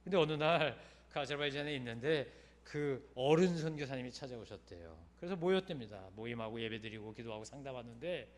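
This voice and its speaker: A man preaches a Sunday sermon as a storytelling pastor. His talk is casual and colloquial yet emphatic, with sudden loud stresses that fall away into quiet phrase endings. His voice sits at an ordinary, mid-range male pitch. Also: brisk, few pauses. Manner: colloquial, emphatic, swinging between loud stresses and soft trailing ends.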